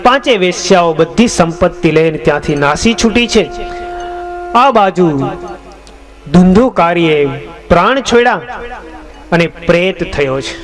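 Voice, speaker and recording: A man with a high-pitched voice narrates a scripture tale as a swami, in a measured, dramatic way. His delivery is steady and devotional. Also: soft background music. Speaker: religious storyteller, swami.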